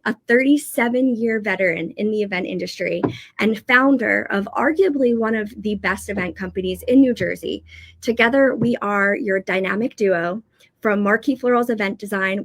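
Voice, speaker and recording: A woman co-hosting a livestream, upbeat and chatty, her voice a little froggy from allergies. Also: mid-range voice. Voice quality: slightly froggy. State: congested from allergies. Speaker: co-host. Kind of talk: livestream chat.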